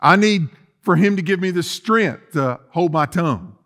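This middle-aged pastor's voice sits high and a bit bright, with lively intonation at a moderate pace. He preaches emphatically, repeating himself and posing rhetorical questions, in a sanctuary of empty chairs.

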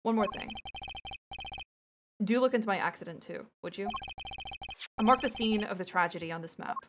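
A woman voicing a calm, teasing middle-aged male lawyer, reading game dialogue in a low, cryptic, unhurried way. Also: noisy background, lightly acted.

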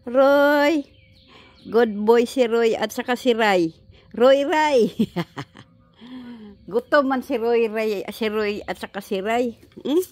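Filipino lady talking slow to her chickens outside, coaxing baby talk, phone held low. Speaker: vlogger feeding her pet chickens. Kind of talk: casual chat to pets and camera. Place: outdoors on a patio lawn. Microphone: handheld phone pointed down.

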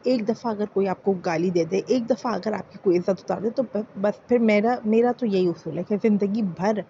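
A woman's voice: mid-range voice, moderate pace, mellow, lo-fi sound, slight background noise. A woman giving heated, opinionated commentary as a reaction channel YouTuber, full of rhetorical questions and pleas. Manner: impassioned, rhetorical, pleading.

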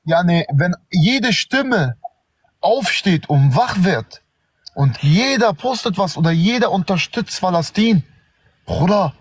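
A man's voice: sits high, lively intonation, slow. A man in a casual livestream discussion, pleading and repeating his questions. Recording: clear background noise.

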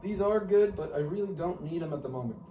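A man's voice: sits high, expressive, fast talker, warm tone. A man giving casual, scared commentary as he streams a horror game, jumpy and talking back to it. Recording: echoey room, distant mic, clear noise.

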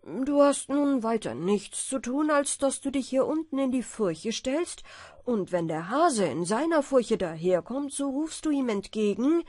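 A gruff little hedgehog husband who barks orders in a slow, curt way, played by a woman reading a storybook. The voice is breathy and close, with no room sound. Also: high-pitched, big pitch swings, dark tone, dry recording, full character voice. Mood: bossy.

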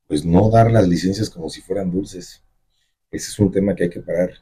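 A man's voice: deep voice, normal speed, dark tone, slightly rough. A middle-aged man with a Mexican accent, a mayoral candidate answering emphatically in a radio studio on a desk mic. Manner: emphatic, campaign-speech delivery. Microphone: desk microphone on stand.

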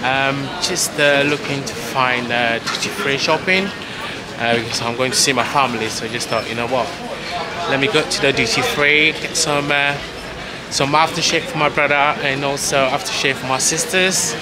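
Guy vlogging his walk thru a busy airport shop, lots of uhs, loud crowd all around. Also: mid-range voice, fairly even intonation, normal speed. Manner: chatty, many fillers. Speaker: travel vlogger. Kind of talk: casual walking-tour vlog. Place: airport duty-free shop, indoors.

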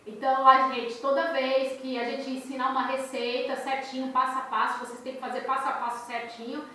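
A woman in her thirties with a Brazilian Portuguese accent hosts a crochet and crafts channel, telling viewers a story in a casual vlog with a high, bright voice, lively expression and lots of gestures. She sits at a desk in a small bedroom, speaking a little fast. The camera mic catches her from a short distance amid strong room echo and a slight hiss or hum.

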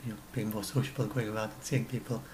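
This sixty-something science blogger sits at his desk at home and, on his own, rambles through his notes while repeatedly correcting himself, picked up by a webcam in a small room. His lowish, darkish voice moves at a quick pace with fairly even intonation, over slight background noise.

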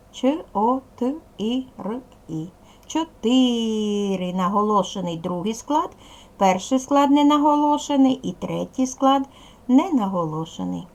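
Female primary teacher, gravelly edge, patient question-and-answer manner for young kids. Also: on the high side. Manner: patient, asks pupils questions and answers them herself. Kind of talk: video lesson for young pupils.

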